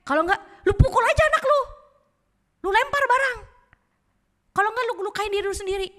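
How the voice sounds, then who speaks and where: A woman's voice: very high voice, voice pushed up. A woman playing a sly, coaxing devil. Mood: sly, egging on. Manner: wheedling, urging on in a loud quick voice. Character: cunning male devil, sly coaxing tempter. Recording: echoey church hall.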